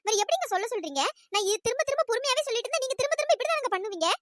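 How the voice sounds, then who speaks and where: A shrill, fiery cartoon college girl. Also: very animated, background noise. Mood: annoyed scolding. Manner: scolding, exasperated, rapid-fire complaints. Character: fiery young female college student. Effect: pitch-raised voice. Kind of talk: cartoon voice acting.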